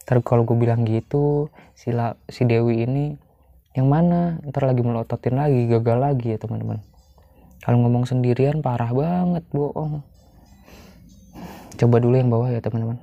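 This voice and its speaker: A man's voice: medium pitch, moderate pace, creaky, long pauses, no echo, highs cut off. A chatty young man, commenting on a story game and talking to his viewers. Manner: chatty, addresses viewers as friends. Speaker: gaming YouTuber.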